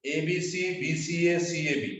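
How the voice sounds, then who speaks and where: A man's voice: a little high, slow, fairly bright tone, slight background noise. A male maths teacher lecturing a class. He repeats key terms and keeps asking the students whether they follow. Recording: distant, echoey, muffled classroom recording.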